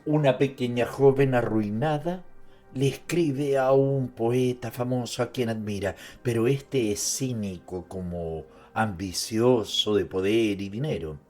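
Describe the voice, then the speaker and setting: Music accompanies a man whose medium-pitched, darkish voice moves at a measured pace. Narrating an author's life and works, he dramatizes the literary material and turns to the listener with conversational asides.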